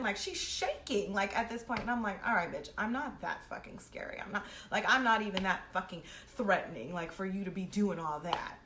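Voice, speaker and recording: This young woman, host of a storytime series, has a voice on the high side with a fairly bright tone. She tells a personal story with animated, casual energy, using brash, slangy, very profane language and playing both parties in each exchange. There's a roomy echo and faint background noise.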